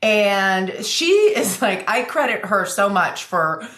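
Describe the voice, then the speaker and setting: A woman's voice: mid-range voice, very animated, slow pace, fairly bright tone. A woman hosting a podcast, chatty and upbeat, rambling a little with restarts as she talks. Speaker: podcast host. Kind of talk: casual podcast chat. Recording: roomy echo.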